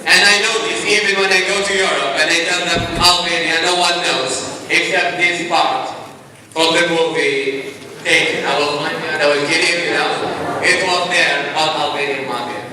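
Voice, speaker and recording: A man's voice: fairly high pitch, steady tone, normal speed. A young man from Algeria, chatty and upbeat, giving a casual talk to a conference audience in a large hall. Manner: chatty, upbeat, rallies the crowd. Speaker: conference speaker. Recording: echoey hall, mic at a distance.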